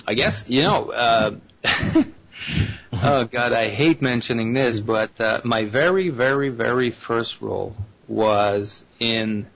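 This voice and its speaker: A man's voice: medium pitch, slow, creaky. A man chatting on a group call about his acting work, rambling with lots of fillers and restarts. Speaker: voice actor guest. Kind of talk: casual group call chat. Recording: dull lo-fi call audio.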